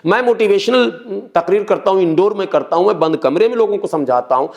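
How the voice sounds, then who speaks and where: A man's voice: sits high, animated, a little fast, creaky. A middle-aged man, a guest in an interview, explaining his views earnestly and repeating key phrases. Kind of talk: political interview talk.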